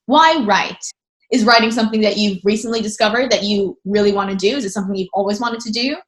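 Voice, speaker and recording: A woman's voice: mid-range voice, fast talker. A woman hosting an interview over a video call, reflective and thinking aloud as she talks. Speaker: host. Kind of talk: casual interview conversation.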